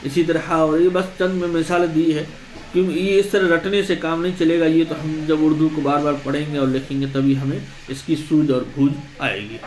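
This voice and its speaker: A male teacher, giving an exam-prep lesson. He asks the class questions, answers them himself, and reads out lists of words slowly. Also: a little high, level tone, darkish tone. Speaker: Urdu teacher. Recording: echoey room.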